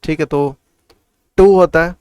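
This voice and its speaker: A man's voice: on the high side, steady tone, a little slow, darkish tone, clear, resonant tone, no room sound, studio quality. A man tutoring maths in casual Hindi mixed with English, working sums aloud and asking and answering his own questions. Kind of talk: casual classroom explanation.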